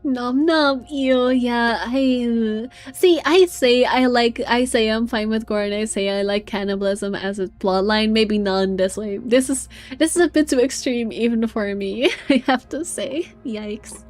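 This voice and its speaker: A woman doing casual, chatty gameplay commentary with expressive reactions. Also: fairly high pitch, measured pace, few pauses, soft background music. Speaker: game streamer.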